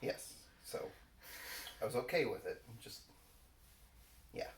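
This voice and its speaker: A man chatting casually in a halting, understated way, picking out his phrases in measured pieces. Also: medium pitch, expressive, slight background noise. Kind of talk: casual chat, Q&A. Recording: echoey room, distant mic.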